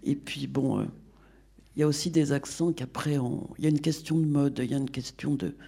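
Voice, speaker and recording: Gravelly, opinionated male panelist. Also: a little high, steady tone, brisk, mellow. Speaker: panel guest. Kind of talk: panel discussion.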